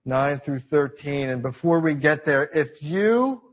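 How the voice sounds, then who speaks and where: A man with a somewhat high, husky voice preaches to his congregation, repeating phrases and asking rhetorical questions. The church recording sounds a little dull and lo-fi. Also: lively intonation, unhurried. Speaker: pastor. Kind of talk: sermon.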